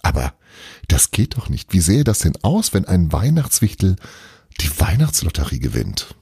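A man's voice: sits low, huge pitch swings, normal speed, vocal fry, dark tone, breathy edge, dry recording, clean studio sound, exaggerated voice. A man voicing a witch's daughter who patiently sets others straight in a storybook reading. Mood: chiding. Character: young female witch's daughter, bossy and explaining.

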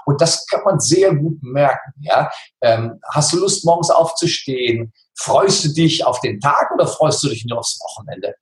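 Brief: middle-aged male coach, lifted pitch, emphatic storyteller, echoey room. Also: moderate pace. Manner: animated, emphatic, rhetorical questions. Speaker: interview guest, coach and actor. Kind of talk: conversational storytelling. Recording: roomy echo.

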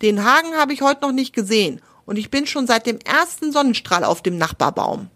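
A woman's voice: on the high side, lively intonation, fairly quick, a bit bright, pitched above the performer's own voice. A woman doing a chirpy male woodpecker. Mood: eager. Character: chatty male woodpecker, helpful.

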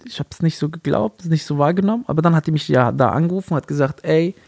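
A man co-hosting a talk podcast, telling a personal story in an animated way and acting out the voices of the people in it. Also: fairly high pitch, fast, creaky. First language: Arabic. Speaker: podcast co-host. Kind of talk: casual storytelling chat.

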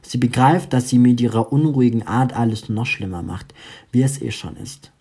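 Man, storyteller, expressive reading, mellow dark tone. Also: mid-range voice, normal speed, breathy edge. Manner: expressive narration.

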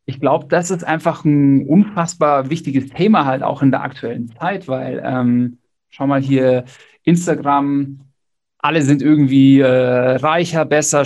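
A man's voice: a little high, darkish tone. A man hosting a casual podcast conversation, reflective, hedging his words with many fillers.

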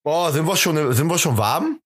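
A man's voice: on the high side, expressive, normal speed. A German man co-hosting a podcast, answering with dry, mock-offended retorts. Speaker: podcast co-host. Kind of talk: casual comedic banter.

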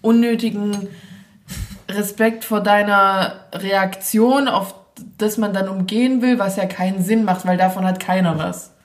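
Young woman, podcast co-host, casual chat, teasing, laughs a lot, mid-pitched voice. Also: fairly even intonation, a little slow, roomy sound. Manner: teasing, playful, laughs often.

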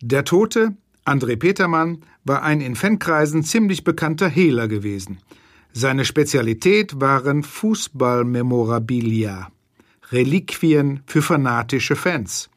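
A man reading a crime story aloud in a lively narrating manner. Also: medium pitch, measured pace, no room sound, studio quality. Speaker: reader. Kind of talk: audiobook reading.

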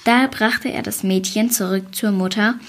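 A woman reading a fairy tale aloud in a calm, even storytelling voice. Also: medium pitch, normal speed.

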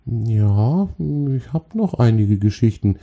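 A man's voice: on the low side, very animated, slow, dark tone, highs cut off, voice pushed up, full character voice. A man voicing a friendly, apologetic young male troll in a spoken children's story, speaking meekly and kindly. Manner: meek, apologetic.

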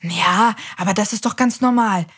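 A woman's voice: medium pitch, normal speed, fairly bright tone, breathy edge. A woman hosting a children's show who talks to the kids directly in a cheerful, reassuring way.

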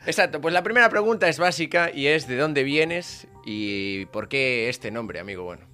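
A man's voice: mid-range voice, animated, normal speed, pushed and bright, faint music behind. A man hosting a casual interview, loose and rambling, laughing often. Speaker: podcast host.

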